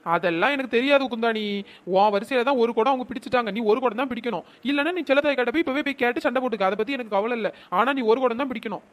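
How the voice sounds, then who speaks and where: A woman plays a scheming young village woman in a cartoon comedy, who keeps setting her neighbours against each other. She talks at a rapid clip, in a slightly high voice, sharp and teasing. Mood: insistent. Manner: scheming, scolding, quick village banter. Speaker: cartoon storyteller voicing the schemer Chinna Ponnu.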